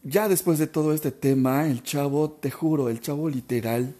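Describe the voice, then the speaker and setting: Halting, emotional podcast host. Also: male voice, on the high side, warm tone, slightly rough. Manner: halting, emotional, many restarts and repetitions. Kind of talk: personal storytelling podcast.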